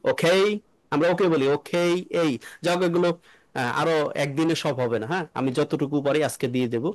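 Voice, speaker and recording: Male teacher, slightly high, close and dry, repeats words and quizzes students. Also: steady tone, no echo. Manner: repeats words slowly for students, asks questions. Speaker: English pronunciation teacher. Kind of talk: classroom lesson in a room.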